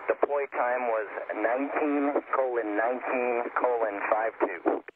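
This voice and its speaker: Male astronaut, slow terse radio callouts, tinny crackly space-to-ground link with heavy static. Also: medium pitch, steady tone. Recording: tinny noisy radio transmission.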